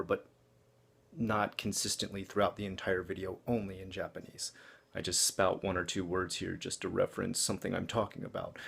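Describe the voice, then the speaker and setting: A man talks to his viewers in a casual vlog style. His voice sits on the low side with a strong vocal fry. He rambles conversationally and is openly self-deprecating. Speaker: vlogger. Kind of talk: casual vlog update to camera.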